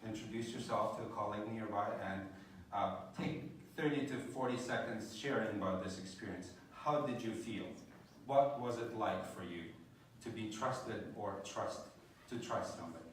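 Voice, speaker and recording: A man's voice: fairly low pitch, moderate pace, slight background noise. A middle-aged man from Ukraine giving a friendly, joking conference keynote with frequent fillers in a large auditorium. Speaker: keynote speaker. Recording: very echoey hall from far off.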